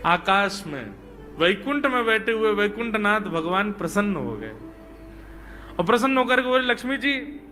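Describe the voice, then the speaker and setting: High, bright-voiced devotional storyteller man. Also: normal speed, soft background music. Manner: animated, dramatic storytelling with voices.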